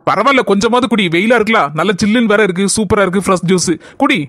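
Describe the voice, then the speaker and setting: Woman doing a young cartoon suitor, Kanyakumari Tamil, teasing, coaxing, quick talker, dry close recording. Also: medium pitch, a bit bright, dry recording, lightly acted. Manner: playful, coaxing, chatty. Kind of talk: cartoon comedy voice acting.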